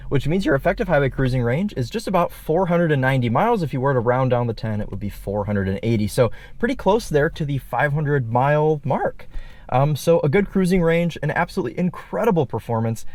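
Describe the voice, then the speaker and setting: A man in his twenties hosting a casual car review, upbeat and chatty, talking from inside a car on the highway. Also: a little mellow, dry recording. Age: 20s. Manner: upbeat, enthusiastic, chatty with fillers. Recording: clear road noise behind. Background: road and car noise.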